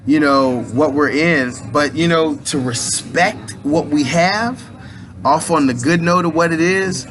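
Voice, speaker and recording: Against a noisy background, a man in his late thirties speaks unhurriedly in a voice on the high side. He's an aspiring minister and motivational speaker giving a loose, slangy spiritual pep talk that wanders and keeps restarting mid-sentence.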